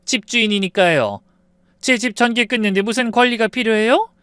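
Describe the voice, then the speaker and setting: Story narration: bride's mother, played by a man, calm and knowing, dry close sound. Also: high voice, normal speed, smooth, no room sound, voice pushed up. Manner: calm, matter-of-fact.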